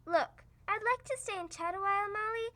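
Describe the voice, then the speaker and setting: A young actress in a school radio play voicing a sardonic doctor who trades dry insults with the husband. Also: female voice, extremely high pitch, fairly quick, pushed and bright. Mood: mocking. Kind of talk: old-time radio comedy acting.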